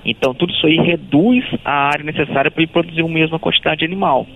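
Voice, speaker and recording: A man's voice: on the high side, rapid-fire, vocal fry. Brazilian man on a phone-like line. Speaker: agricultural technical advisor. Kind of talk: explanatory interview answers. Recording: tinny phone-like radio line.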